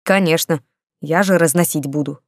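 A woman's voice: low-pitched, normal speed, dry recording, studio quality. Casting: sarcastic male rat familiar, read by a woman, grumbly, sly, storybook. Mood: snide grumbling. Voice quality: grumbling, snide.

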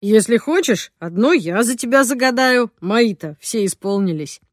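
A woman's voice: on the high side, expressive, normal speed, dry recording, studio quality. A woman reading an audiobook, voicing a mild, good-natured father who mumbles excuses. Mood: thoughtful.

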